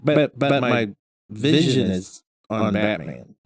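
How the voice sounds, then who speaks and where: A man's voice: fairly low pitch, very animated, fast talker, dry recording, clean studio sound. A man playing a tabletop game online, stammering and repeating words as he talks. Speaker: player. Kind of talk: casual chat during a tabletop game.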